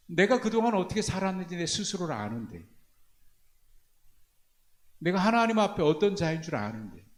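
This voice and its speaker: A male pastor at a church prayer meeting, preaching in a slightly high voice. His pitch rises and falls in an animated way as he throws rhetorical questions at the listeners. He moves between quiet, low phrases and strong, loud ones. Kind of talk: sermon.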